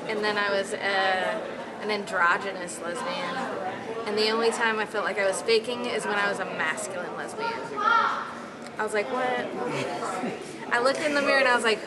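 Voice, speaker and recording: A woman in her thirties talks frankly about her own life to an interviewer. Her voice sits at an ordinary middle pitch. A loud conference crowd murmurs behind her in a big indoor hall. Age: 30s. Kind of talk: casual interview answers.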